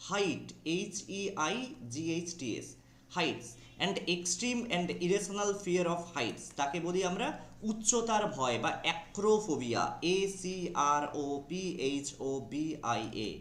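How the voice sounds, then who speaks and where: A man's voice: sits high, expressive, takes it slowly, fairly bright tone, reverberant, slight background noise. A man teaching an exam vocabulary class with a Bengali accent, drawling key English words, spelling them out and often checking that students follow.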